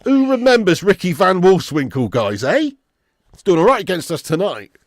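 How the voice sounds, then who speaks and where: A British man hosts a live football watch-along in a fairly high voice that swings widely in pitch. He is animated and blokey, mixing match commentary with sweary, matey chat to viewers. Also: normal speed, no room sound, clean studio sound. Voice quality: raspy, smoker's laugh.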